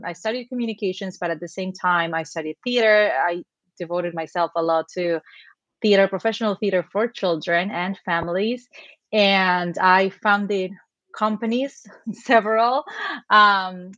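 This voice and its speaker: A woman's voice: fairly low pitch, a bit bright, no echo, muffled recording. Woman, dry close sound. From Buenos Aires, Argentina. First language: Spanish. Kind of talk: interview conversation.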